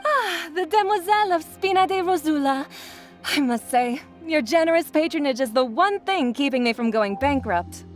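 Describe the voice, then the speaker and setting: A woman's voice: high-pitched, animated, moderate pace. An actress playing a chatty, deferential female shopkeeper in a video game, polite and effusive. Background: music.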